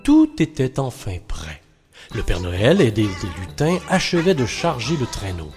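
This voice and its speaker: A man with a Quebec French accent reading radio ads and narrating a story in a lively, upbeat delivery. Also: mid-range voice, unhurried. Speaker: announcer and storyteller. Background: loud music.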